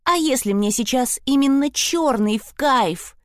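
Woman narrator as a vain, defiant schoolgirl in a storybook, haughty and lively. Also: a little high, moderate pace, no room sound, studio quality, voice pushed up, lightly acted. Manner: haughty, provocative. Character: vain, defiant teenage girl.

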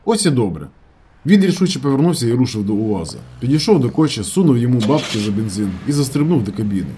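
A man reading a novel aloud in calm, measured first-person narration. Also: mid-range voice, a little hiss or hum. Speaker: audiobook narrator.

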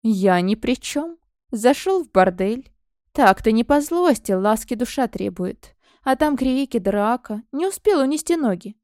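A fawning, snake-like male servant, as a woman puts him on hisses his words in a high, thin voice that stretches slowly. The voice sounds dry and close, read for an audiobook. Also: expressive, darkish tone, no room sound. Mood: wheedling. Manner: hissing, wheedling, drawn-out.

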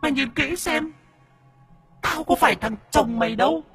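A man voicing a shrill cackling female ghost. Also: moderate pace, fairly bright tone, faint music behind. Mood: taunting. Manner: shrill, mocking. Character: cackling grey-faced female ghost, taunting.

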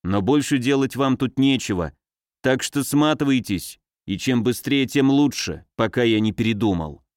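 A man voicing an angry, gruff male rebel leader who shouts threats. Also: medium pitch, animated, moderate pace, no room sound, clean studio sound, lightly acted.

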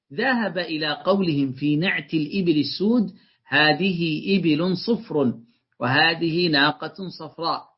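A man with a fairly high, husky voice gives a classroom lecture on Quran interpretation. He reads classical passages aloud, then breaks them down step by step and keeps checking that his students follow. The recording is dull and lo-fi. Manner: explains step by step and often checks that listeners follow. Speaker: teacher commenting on a tafsir text.

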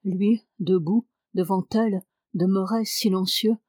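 A woman's voice: medium pitch, fairly even intonation, unhurried, dark tone, dry recording. Woman reading a novel, dry and close. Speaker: audiobook reader.

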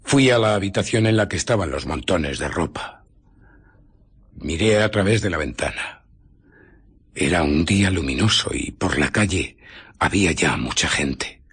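A man with a Castilian Spanish accent playing an arrogant, amoral scientist who justifies himself in a radio drama, in a theatrical, deliberate storytelling manner. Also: sits low, animated, a bit bright, husky, full character voice. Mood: brooding, recounting. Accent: Spain.

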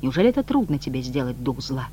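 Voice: medium pitch, big pitch swings, fast, mellow, lo-fi sound, a little hiss or hum, voice pushed down, lightly acted. A reader voicing a stern, bitter male disciple in a plain, earnest voice. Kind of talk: audiobook reading.

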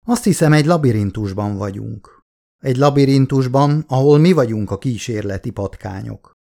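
A man reading an audiobook, voicing an excitable male scientist who loves puzzles, eager and calling out high when alarmed. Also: gravelly. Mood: wry.

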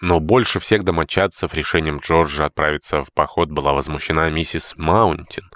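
Low-voiced male audiobook narrator. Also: fairly even intonation, a little fast, a bit bright, dry recording, studio quality. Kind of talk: scripted narration.

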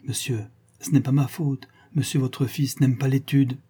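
A man's voice: mid-range voice, fairly even intonation, measured pace, warm tone, husky. A man voicing an anxious tutor who defends himself deferentially. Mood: defensive.

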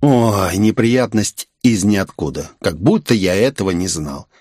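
A man narrating a first-person audiobook in a wry, expressive storytelling manner. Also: on the low side, unhurried, dry recording, clean studio sound.

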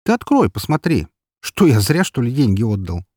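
A man voicing a calm, cunning young man who corners a swindler in a carefree, mocking tone. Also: medium pitch, moderate pace, no room sound, studio quality. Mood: businesslike.

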